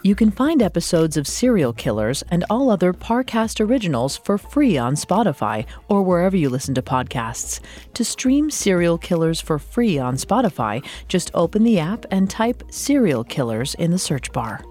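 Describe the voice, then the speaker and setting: An American woman co-hosting a true crime podcast, narrating scripted material with deliberate, dramatic delivery. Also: lowish voice, very animated, darkish tone.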